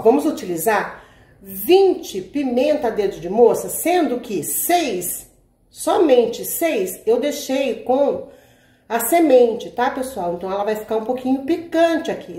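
A Brazilian woman with a fairly high, dark-toned voice hosts a cooking tutorial from her home kitchen. The camera mic catches her off-camera amid the room's echo. Chatty and casual, she addresses viewers as "gente" and asks "tá?" again and again.

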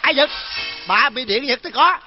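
A man's voice: extremely high pitch, expressive, normal speed, dull audio, music in the background. An actor playing a grumpy older father, bickering and exclaiming in a stage comedy. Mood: quarrelsome. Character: grumpy old southern father, blustering.

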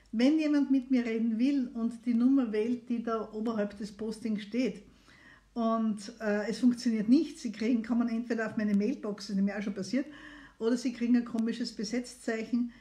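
A slightly high, mellow woman's voice comes from a middle-aged doctor running a live phone consultation stream. Her casual talk is chatty and upbeat, encouraging viewers to call.

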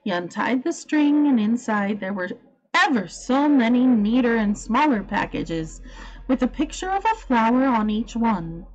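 A woman reading a classic novel aloud as host of her channel, in an expressive, unhurried storytelling manner. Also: a little high, highs cut off.

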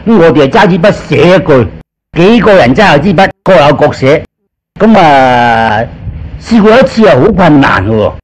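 With a high-sitting voice on poor audio, an older man with a Cantonese accent tells stories from his past during an interview. He is a veteran actor from Guangzhou, China, relaxed and talkative as he reminisces.

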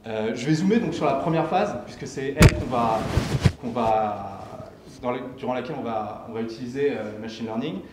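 At a tech meetup, a young man stands at a lectern in an indoor lecture room presenting his company's software in a technical talk. His medium-pitched voice moves step by step and haltingly, often asking a question and then answering it himself. The room echoes clearly and noise is audible behind him.

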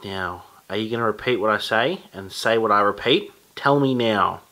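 A man's voice: lowish voice, normal speed, noisy background. A man co-hosting a casual toy unboxing, making playful, joking asides. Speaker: toy review co-host.

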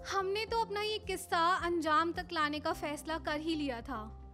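A young woman reads her poem on a small open-mic stage in a cafe, speaking slowly and wistfully into a stand mic. Her voice sits very high and sounds bright and clear. Soft music plays faintly under her words. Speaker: poet. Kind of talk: spoken word poetry recital. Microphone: handheld mic on a stand.

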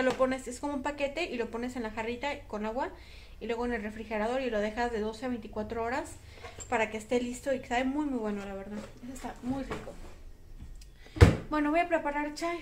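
A young woman with a Mexican accent talks to her viewers in a relaxed, chatty vlog. Her voice sits a little high, and she often repeats phrases for emphasis. A faint hiss of background noise runs under the recording. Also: a little fast. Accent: Mexican Spanish. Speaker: vlogger. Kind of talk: casual vlog chat.

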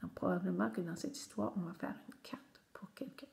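A woman's voice: lowish voice, fairly quick, creaky, darkish tone, whispered. A woman teacher, patiently guiding young children through a reading lesson and repeating each word several times.

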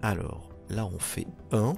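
A man's voice: fairly low pitch, slow pace, creaky, over music. A man commenting on a solo board game playthrough, counting moves aloud and muttering asides.

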